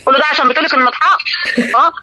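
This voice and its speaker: An older woman with an Egyptian accent hosting a live stream, talking in an indignant, scolding, rapid-fire way to her viewers and a caller. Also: high-pitched, steady tone, sharp tone, low-quality recording. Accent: Egyptian Arabic.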